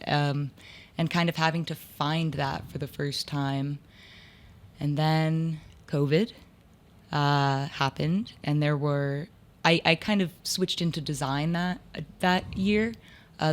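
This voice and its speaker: A woman's voice: deep voice, a little hiss or hum. A woman in her twenties from upstate New York, a theater actor and lighting designer, telling stories chattily in an interview with lots of "like" fillers. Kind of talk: casual interview storytelling.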